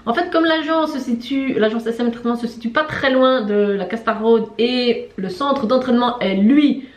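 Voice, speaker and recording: A woman's voice: a little high, moderate pace, echoey room. A woman co-hosting a travel vlog, chatting casually as a guide with lots of fillers. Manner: chatty, many fillers, laughs at herself. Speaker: travel vlogger. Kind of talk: casual guide talk with a co-host.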